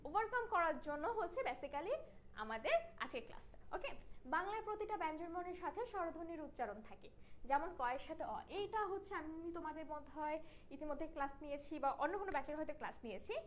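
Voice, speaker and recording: Woman, young, from Bangladesh, online lesson, explanatory, checks in with students, very high-pitched. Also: slight background noise. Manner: explanatory, checks in with tag questions. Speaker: Bangla teacher. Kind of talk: online class lecture.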